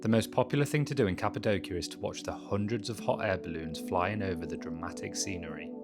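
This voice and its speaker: A British man narrates a travel guide in a calm, measured, informative way. His voice sits very low. Music plays clearly behind him. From Britain.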